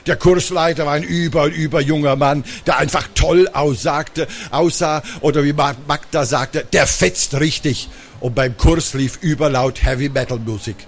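A man reading a children's story aloud in a lively, animated way. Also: a little high, moderate pace, hardly any pauses.

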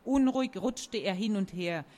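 Woman reading a kids story out loud, expressive, plain middle voice. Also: mid-range voice, moderate pace. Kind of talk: reading a children's story aloud.

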